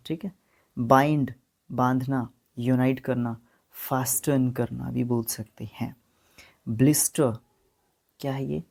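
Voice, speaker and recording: A man from Haryana with a Haryanvi accent, teaching English vocabulary in a recorded exam-prep lesson. He mixes Hindi and English, reading each word slowly and spelling some out letter by letter. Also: medium pitch, darkish tone. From Haryana, India. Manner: reads words slowly and spells them out, mixing Hindi and English.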